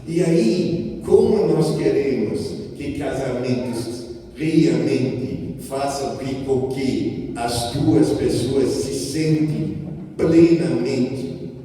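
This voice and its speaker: A man's voice: medium pitch, extremely slow, dark tone, a little hiss or hum. A priest giving a reflective homily, speaking directly to his congregation in a church. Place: church with a sacristy. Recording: echoey church from far off.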